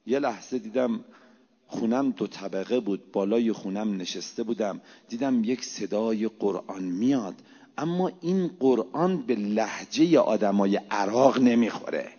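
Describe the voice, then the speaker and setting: A man preaching an impassioned sermon, swinging between hushed low asides and loud, rising exhortations. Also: expressive, husky. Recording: reverberant hall, dull lo-fi sound.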